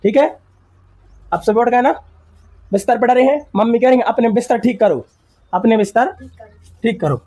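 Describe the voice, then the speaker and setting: A man's voice: very high-pitched, lively intonation, moderate pace, long pauses, dark tone, poor audio. A man teaching English in a classroom, repeating phrases word by word and quizzing his students. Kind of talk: classroom lesson.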